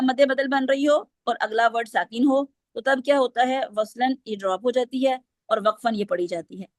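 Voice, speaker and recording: Teaching an online class on the rules of Quranic recitation, a woman explains each step and quizzes her students in a slightly high voice. There's no room sound.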